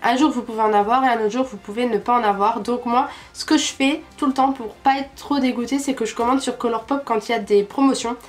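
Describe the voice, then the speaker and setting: A woman's voice: fairly high pitch, fairly even intonation, quick pace, few pauses, faint music behind. A young woman from France, chatting casually about a makeup order she received, with frequent hesitation fillers. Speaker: beauty vlogger. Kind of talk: casual product review.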